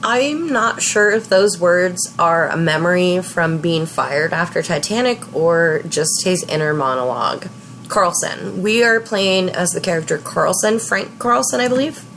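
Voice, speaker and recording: A woman in her thirties hosting a let's play, giving casual, chatty game commentary in a relaxed way. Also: lowish voice, slight background noise, rough recording. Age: 30s. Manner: chatty, relaxed, slow talk.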